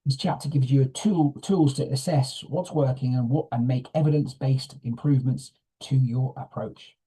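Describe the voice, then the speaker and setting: Middle-aged male teacher, very dark and husky tone, conversational lesson delivery with frequent tag questions. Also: mid-range voice, moderate pace, rough recording. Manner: chatty, keeps asking "isn't it?". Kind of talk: informal lesson reading from slides.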